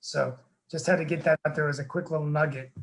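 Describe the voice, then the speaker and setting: A man's voice: on the high side, steady tone, fast talker, low-quality recording. A man hosting a webinar over a video call, talking earnestly and rambling with lots of fillers and restarts. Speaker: webinar host, town council member. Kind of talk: casual webinar talk.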